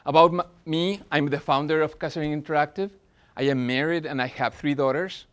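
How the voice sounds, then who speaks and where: On the high side and steady, his voice is brisk, fairly bright and clean. He is a man in his forties with Spanish-accented English, presenting at a business workshop earnestly with frequent fillers and restarts.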